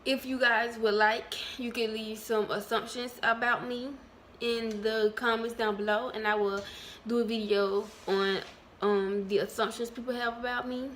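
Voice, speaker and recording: A woman talking to her viewers in a casual vlog, candid and chatty, calling them y'all, with lots of ums and pauses. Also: fairly high pitch, fairly even intonation, fairly bright tone, a little hiss or hum. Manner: many ums and trailing pauses. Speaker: vlogger.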